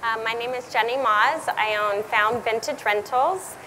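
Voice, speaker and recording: A woman's voice: on the high side, unhurried, bright, forceful tone, a little hiss or hum, poor audio. A woman who owns a vintage rental business, introducing herself casually on a panel at an event. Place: event hall.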